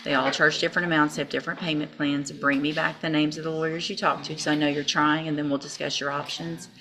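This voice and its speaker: A woman's voice: low-pitched, little pitch movement, quick pace, bright, forceful tone. A woman judge in a courtroom, firmly and methodically instructing defendants on procedure. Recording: hissy courtroom recording.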